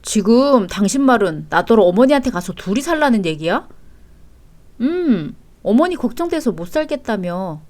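A woman's voice: fairly high pitch, big pitch swings, moderate pace. A woman voicing an angry, entitled middle-aged husband who talks indignantly in a read-aloud story. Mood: defensive. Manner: shouting, indignant.

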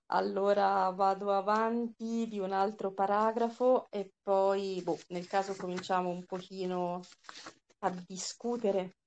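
A woman leading a reading group, reading a philosophy text aloud and inviting the group to discuss in a calm, relaxed way. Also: medium pitch.

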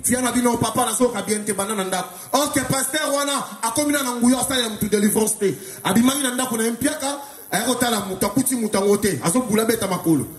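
A Congolese man doing live stand-up, telling animated stories and shouting out the punchlines. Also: very high voice, fast. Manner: animated, often shouting punchlines, mixing two languages. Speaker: stand-up comedian. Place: live stage in a hall. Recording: echoey live hall with music.

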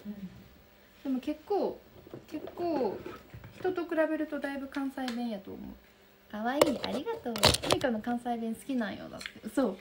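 A young woman with a soft Kansai accent chatting casually on a livestream, reading out and answering viewer comments. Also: high-pitched, animated, moderate pace, background noise. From Kansai region of Japan. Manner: soft, bubbly, chatty with frequent laughs. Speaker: livestream host. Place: room lit by daylight.

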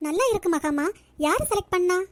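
A woman's voice: very high-pitched, animated, a little fast. A woman voicing a good-natured mother in a cartoon, practical and joking. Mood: teasing. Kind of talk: cartoon voice acting.

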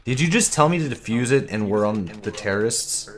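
A man streaming a shooter game, swearing loudly, yelling and laughing as he plays. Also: medium pitch, lively intonation, a little fast, a crowd in the background. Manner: loud, profane, yelling and laughing often. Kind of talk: casual livestream gaming chat.

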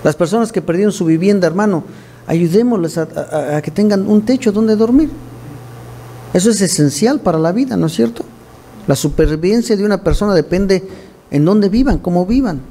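A man's voice: sits high, moderate pace, mellow, a little hiss or hum. A male pastor preaching a sermon in a church, earnest and direct, often calling listeners "my brother" and adding wry asides.

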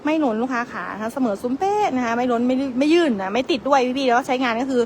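Fast-talking high-voiced saleswoman. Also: slight background noise. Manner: fast, chatty sales patter, keeps calling out prices. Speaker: tire shop saleswoman. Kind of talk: live-sale product pitch. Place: tire shop.

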